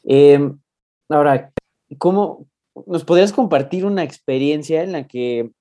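A man's voice: a little high, a little slow, dark tone. A man hosting an interview, asking questions in a supportive, reassuring way.

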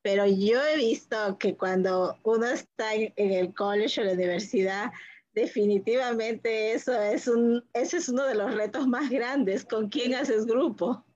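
A woman's voice: on the high side, a little slow, a little mellow. A woman hosting an interview podcast, listening closely, affirming her guest and asking reflective questions. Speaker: podcast host. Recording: dull lo-fi online call audio.

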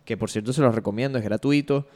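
A man's voice: medium pitch, fast, a little mellow. Casual male podcast co-host, echoey room. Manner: easygoing, many fillers and restarts. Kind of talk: casual chat. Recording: reverberant room.

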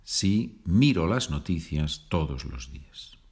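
A man hosting a podcast lesson, patiently explaining Spanish phrases in English and repeating them slowly. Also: deep voice, sing-song, darkish tone, slightly rough. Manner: slow, patient, explains with small laughs and repeats. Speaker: Spanish teacher, podcast host. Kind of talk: slow bilingual language lesson.

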